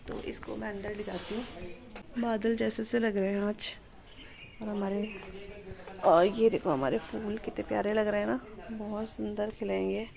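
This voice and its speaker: A woman's voice: mid-range voice, level tone, moderate pace, vocal fry, crowd noise. A woman in her thirties chatting casually through her daily vlog in a homely, rambling way. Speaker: vlogger.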